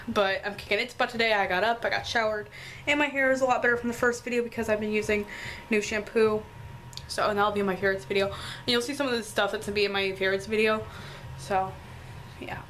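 A teenage girl, hoarse from a cold, chatting apologetically with lots of fillers as she films a tour of her bedroom. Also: medium pitch, steady tone, brisk, a bit bright, slight background noise, rough recording. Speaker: vlogger. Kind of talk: casual room tour vlog. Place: bedroom at home.

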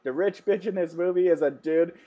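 A man reacting to memes in a casual vlog. He laughs often, swears freely and jumps from mumbling to yelling. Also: high-pitched, fairly quick. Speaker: meme reviewer. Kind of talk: casual meme commentary vlog.

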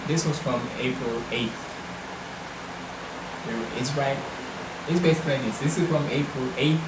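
A man in his twenties casually chatting as a reaction video host, rambling and searching for words. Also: mid-range voice. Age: 20s. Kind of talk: casual chat reaction commentary. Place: small home room, indoors. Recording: roomy, loud fan noise behind. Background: loud fan hum.

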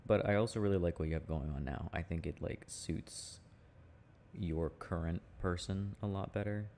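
A young man performs boyfriend-roleplay audio, his very low, creaky voice carrying a casual, affectionate style. He sounds mellow and intimate, chatting softly at a normal speed and chuckling often. Faint noise sits in the background.

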